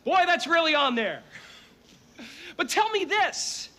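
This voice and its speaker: A smug comic movie detective who shows off with every phrase. The voice is very high and forceful, mocking and exaggerated, swinging all over, with music behind. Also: male voice, sing-song, takes it slowly, a little hiss or hum, full character voice. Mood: mocking, accusing. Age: 30s. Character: flamboyant wisecracking male detective, smug and showboating. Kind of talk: theatrical comedic film acting. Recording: film soundtrack with music underneath.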